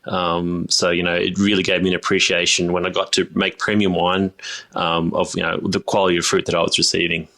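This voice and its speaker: A man with an Australian accent, a winemaker talking as a podcast guest, halting, full of fillers and restarts. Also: deep voice, level tone, vocal fry, a bit bright. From Griffith, New South Wales, Australia. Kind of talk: casual interview chat.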